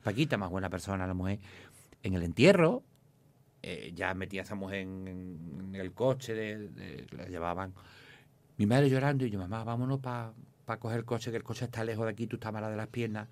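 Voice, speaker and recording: Fast-talking man telling stories. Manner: animated storytelling, acting out his mother in a high voice. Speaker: comic actor, guest. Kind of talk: casual anecdotes in an interview.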